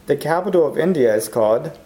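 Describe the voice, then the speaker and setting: Guy hosting a language lesson, relaxed warm voice, explains stuff step by step. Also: fairly high pitch, fairly quick, low-quality recording. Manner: explanatory, enunciates example words syllable by syllable. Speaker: language teacher, lesson host. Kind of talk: scripted Hindi lesson narration.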